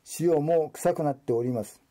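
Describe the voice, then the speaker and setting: A man's voice: fairly high pitch, fairly quick, mellow, natural voice. A man reading the lines of Martha, a grieving devout woman, in an earnest scripture reading.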